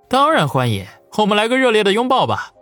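A man plays a cocky young man in a storybook who teases and shrugs things off, his voice lifted a little above the narrator's own. He talks in a lively, bouncing way, dry and close. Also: high-pitched, quick pace, dry recording, soft background music, pitched above the performer's own voice, exaggerated voice. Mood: teasing. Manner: breezy, joking. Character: cocky, playful young man, teasing and unbothered. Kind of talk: audiobook character voice.

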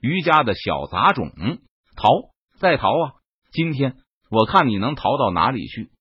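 A man's voice: medium pitch, sing-song, normal speed, slightly rough, dry recording. A man voicing a cruel, sneering male guard captain who threatens his prey, in a dull, dry recording. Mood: taunting.

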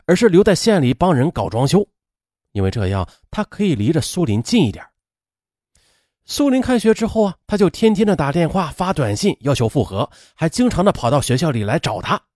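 A man telling a story in a lively, folksy way with drawn-out fillers. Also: a little high, no echo, clean studio sound. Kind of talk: storytelling narration.

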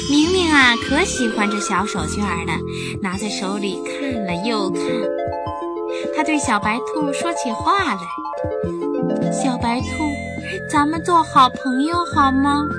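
A woman narrating a children's bedtime story in an animated, sing-song, expressive way. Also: a little high.

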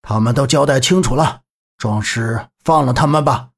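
A man voicing a bearded older male court official in an audiobook, measured and earnest. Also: medium pitch, gravelly.

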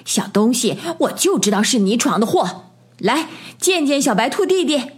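A woman's voice: fairly high pitch, big pitch swings, moderate pace, breathy edge, voice pushed up, heavily acted. Woman doing a kindly, soothing mother lynx. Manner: soothing, comforting.

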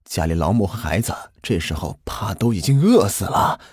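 A man voicing a poor hunter in a folk ghost story, speaking low and quietly as he pleads. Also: very animated, moderate pace, slightly rough, no room sound, clean studio sound. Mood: pleading. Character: poor desperate male hunter, a family man.

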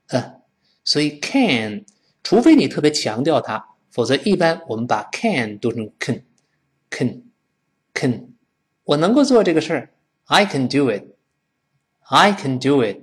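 A middle-aged man teaching English pronunciation, stretching out the English words slowly for students to repeat. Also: a little high, a little mellow. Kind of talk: pronunciation lesson.

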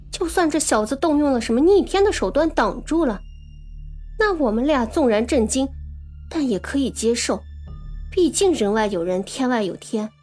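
A man voicing a fierce young woman warrior with a shrill falsetto in an audiobook. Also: exaggerated voice. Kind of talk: audiobook character voice.

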